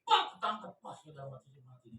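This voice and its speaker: Brief: man pastor, high-ish voice, loose joking sermon, echoey church hall, mic set back. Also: wildly swooping pitch, fast, bright, forceful tone, far from the mic. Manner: chatty, joking, with slangy asides and laughter. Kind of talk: lively conversational sermon.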